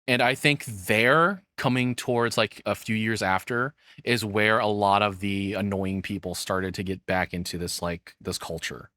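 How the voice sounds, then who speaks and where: A man with a fairly low, bright, forceful voice rambles casually through his opinions like a reacting streamer, blunt and cursing freely. His intonation stays fairly even, he talks at normal speed with few pauses, and the recording is very dry with no echo.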